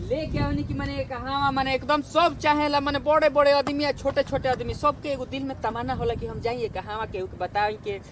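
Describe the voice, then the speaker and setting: Man acting as jealous young boyfriend, Bhojpuri accent, high voice, insistent complaining, comedy skit, noisy outdoor recording. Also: steady tone, moderate pace, hardly any pauses. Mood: aggrieved. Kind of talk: amateur comedy skit dialogue.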